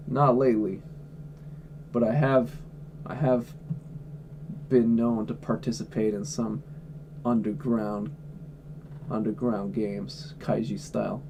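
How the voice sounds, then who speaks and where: A man livestreaming from indoors at home answers chat questions bluntly and offhandedly, swearing freely. His voice is low-ish, gravelly, and level, slow with long pauses, and background noise runs through the recording.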